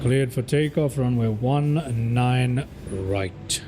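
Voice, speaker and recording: A man's voice: mid-range voice, slow pace, noisy background. A man acting as an airline pilot in a flight simulator, reading back radio calls to the tower in clipped pilot phraseology on a headset mic. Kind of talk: pilot radio calls to air traffic control.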